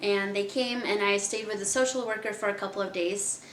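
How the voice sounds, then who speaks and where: A young woman from Kazakhstan telling her own story as a podcast host, chatty and open, with frequent laughs. Her voice is bright and forward. The room around her is echoey, with a faint hiss underneath. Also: mid-range voice, steady tone, a little fast. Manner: chatty and candid, laughs often. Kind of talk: casual personal storytelling.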